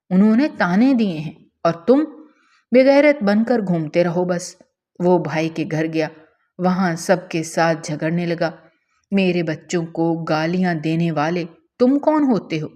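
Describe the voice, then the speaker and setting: A woman with a somewhat low voice narrates an emotional first-person story about her own household. Her delivery is dramatic and tearful, as if reliving each moment. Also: darkish tone.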